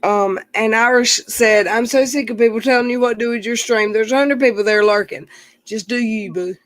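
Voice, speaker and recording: A woman's voice: fairly high pitch, fairly even intonation, fairly quick, no room sound, low-quality recording. Chatty woman in her forties, dry close sound. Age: 40s. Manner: chatty, reads out viewer comments. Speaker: stream host. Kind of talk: casual livestream chat. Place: outdoors near her house.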